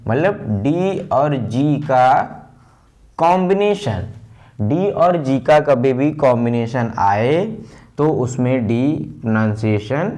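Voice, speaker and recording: A man explains pronunciation rules in an unhurried, methodical way, repeating each pattern several times. His pitch sits a touch high and swings widely as he stresses examples. He speaks words. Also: a little mellow. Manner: slow, repetitive drilling of word patterns. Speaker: English teacher. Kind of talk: pronunciation lesson.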